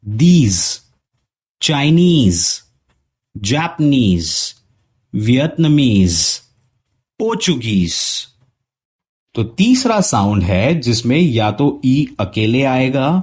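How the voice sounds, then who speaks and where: A man's voice: medium pitch, a little mellow, slightly rough. A man teaching English pronunciation in Hindi, reading out practice words one at a time. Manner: reads word lists one word at a time. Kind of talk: pronunciation lesson.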